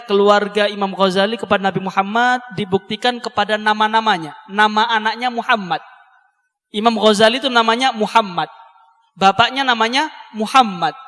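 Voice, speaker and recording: A man's voice: high voice, fairly bright tone. A man giving a sermon, fervent and repetitive, talking straight to his listeners. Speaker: preacher teaching a religious book. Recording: long hall reverb.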